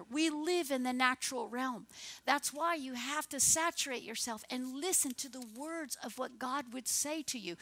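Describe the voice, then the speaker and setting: A woman preaching a sermon, retelling the story and acting out the voices of its people, with swings between hushed, tender passages and loud, emphatic urging. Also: high-pitched, no room sound.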